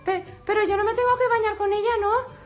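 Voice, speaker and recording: A nervous young male pup who stutters and hedges, as a woman puts him on. His voice sits very high, and faint music plays under this toy play-acting story. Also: steady tone, fairly quick. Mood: flustered. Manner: stammering, hesitant.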